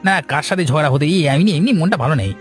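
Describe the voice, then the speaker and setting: An actor plays a nervous, guilty village henchman in a cartoon drama, sounding uneasy, hesitant and evasive. His voice is a little high, animated and fast, lightly acted, with faint music behind.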